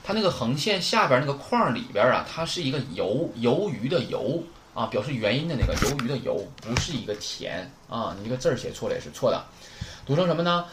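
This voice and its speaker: A man's voice: medium pitch, fast talker, slight background noise. A man teaching a beginner vocabulary lesson in a chatty, teasing way. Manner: lively, chatty, teasing asides. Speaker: Japanese teacher.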